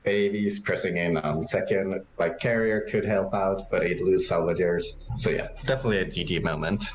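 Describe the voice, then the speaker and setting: A man's voice: low voice, fairly even intonation, a little fast, a little hiss or hum, rough recording. A man co-casting a strategy game match, rambling with many fillers, English not his first language. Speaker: co-caster and player. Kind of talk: casual game commentary.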